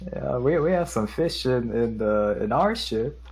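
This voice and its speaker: A man's voice: medium pitch, animated, measured pace, a little mellow, breathy edge. A man playing a tabletop game, improvising casually in character with a laid-back, hesitant manner.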